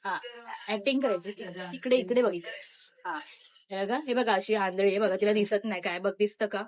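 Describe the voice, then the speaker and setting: A woman's voice: mid-range voice, brisk. A woman, talking straight to the camera in a playful mock-serious plea. She keeps turning aside to coax and boss a child next to her, sliding between pleading and scolding. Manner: coaxing and bossy, switching from pleading to scolding. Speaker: vlogger.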